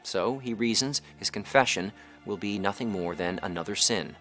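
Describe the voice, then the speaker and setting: A man reading a scripted plot summary in a measured, evenly paced way, with faint music behind. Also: lowish voice, fairly bright tone. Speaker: narrator. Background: faint background music.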